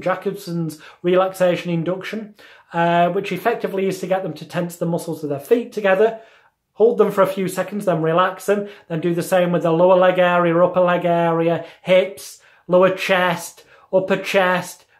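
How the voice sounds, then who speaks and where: Male instructor, forties, high-voiced, emphatic and full of asides, informal lesson delivery, echoey small-room recording. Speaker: hypnotherapy instructor. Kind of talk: informal video lesson, explaining.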